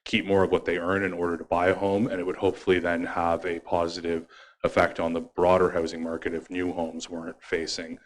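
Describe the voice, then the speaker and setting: Male councillor, very deep, flat even delivery, formal motion reading. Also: brisk.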